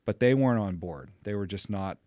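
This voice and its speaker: Low-voiced middle-aged Pittsburgh-area dad. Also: male voice, a little fast, dry recording. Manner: animated anecdote teller, voice jumps up when amused. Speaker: podcast guest. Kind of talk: casual storytelling chat.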